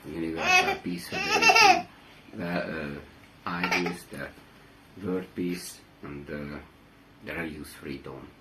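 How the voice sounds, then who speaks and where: A man with a Hungarian accent gives a personal testimony in a deep voice. He speaks slowly in halting, non-native English, with some faint noise behind him. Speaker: guest speaker.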